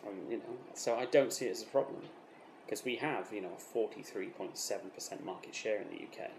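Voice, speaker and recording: A man in the role of a self-important British razor developer sounds smug and earnest in this mock documentary interview. His lowish, creaky voice delivers an improvised-sounding monologue of deadpan boasting and false modesty, with defensive halting and repetition. There's a roomy echo and faint background noise.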